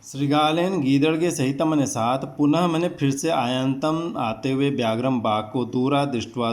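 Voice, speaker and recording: A male teacher explaining a classroom text line by line, slowly glossing each word and repeating meanings. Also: mid-range voice. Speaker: Sanskrit teacher.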